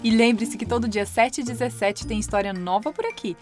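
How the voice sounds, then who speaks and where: A woman with a Brazilian Portuguese accent narrating a children's story as host of a story podcast, in a lively, expressive way. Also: on the high side, fairly quick, music in the background. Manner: lively, expressive, warm-hearted.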